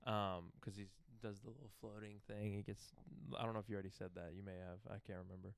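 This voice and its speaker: A man's voice: lowish voice, flat delivery, fast talker, gravelly, clean tone. A young man co-hosting a podcast, talking loosely about a movie with lots of fillers and easy laughs. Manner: rambling, filler-heavy, laughs easily. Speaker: podcast co-host. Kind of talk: casual chat.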